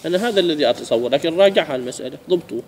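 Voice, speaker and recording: A man teaching a grammar lesson, asking his students questions and repeating key phrases slowly. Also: fairly high pitch, animated, darkish tone, slight background noise.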